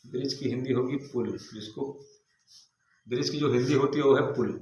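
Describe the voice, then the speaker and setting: A man's voice: medium pitch, fairly even intonation, moderate pace, a little mellow. Man spelling out words in an echoey classroom. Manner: spells words letter by letter, then repeats the meaning with "ठीक है". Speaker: English teacher. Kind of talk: classroom vocabulary lesson. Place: large classroom. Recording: echoey room, faint background noise.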